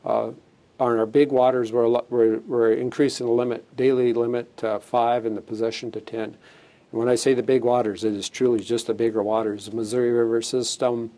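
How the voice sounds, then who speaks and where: Mellow-voiced middle-aged official, matter-of-fact. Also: male voice, mid-range voice, flat delivery, fairly quick. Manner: plain, matter-of-fact, many fillers and restarts. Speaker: fisheries division chief. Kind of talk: studio interview, explaining regulations. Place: studio set, indoors.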